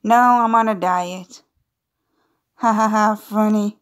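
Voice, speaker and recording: In a steady, mid-range voice, a woman slowly reads on-screen game dialogue and tosses in amused, chatty asides. She's a gaming video creator keeping things casual and playful, with slight background noise behind her.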